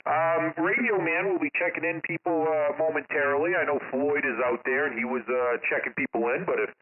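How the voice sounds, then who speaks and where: A man's voice: on the high side, brisk, breathy edge. Tinny CB radio man, casual. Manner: salty, swearing. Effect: CB radio transmission. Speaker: radio operator helping with net check-ins. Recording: narrow tinny radio audio, light static.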